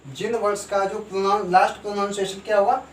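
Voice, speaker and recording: A man teaching a grammar lesson, who explains slowly and asks and answers his own questions. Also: high voice, flat delivery. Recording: echoey room, voice from far off, faint noise.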